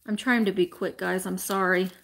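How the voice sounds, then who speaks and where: A woman, chatting bubbly and fast to live viewers from a small room at home. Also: on the low side, steady tone, vocal fry, background noise. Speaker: vintage reseller host. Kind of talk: casual live-stream chat.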